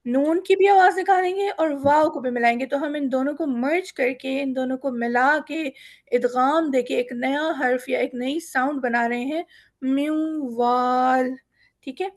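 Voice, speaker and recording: High-voiced woman teaching Quran reading. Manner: explains patiently, slowly drawing out example words for students to repeat; mixes English words into her speech. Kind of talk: step-by-step lesson explanation.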